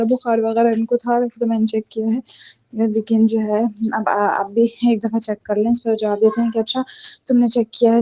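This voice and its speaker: A woman with a somewhat high, warm and mellow voice tells the story of a TV drama episode in a loose, conversational way. She reads out the characters' lines in her own voice and keeps a flat, level delivery throughout. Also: a little hiss or hum. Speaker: drama recap reviewer. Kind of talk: casual spoken retelling of a TV drama episode.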